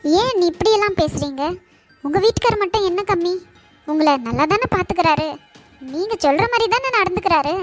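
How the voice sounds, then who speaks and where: A woman voicing a gentle, caring cartoon aunt. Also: very high-pitched, expressive, a little fast. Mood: pleading. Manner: soothing, affectionate, pleading. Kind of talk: cartoon voice acting. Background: faint background music.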